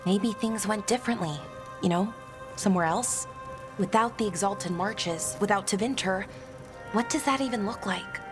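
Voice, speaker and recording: Clear game music sits behind a woman voicing an earnest, bookish elf woman mourning a loss in a video game. She speaks at a moderate pace in a natural, mid-range voice, rambling and hesitant, correcting herself with a wistful, uncertain air.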